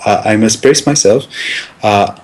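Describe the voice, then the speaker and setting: A man playing a pompous, fussy academic film critic in an improvised comedy sketch, halting and hesitating constantly. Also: fairly low pitch, a little mellow.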